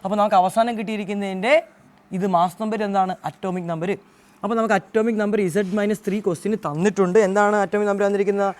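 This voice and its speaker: A man's voice: high-pitched, steady tone, rapid-fire. A male tutor from Kerala working through an exam answer key, asking questions and answering them himself, with English terms mixed into his explanation. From Kerala, India.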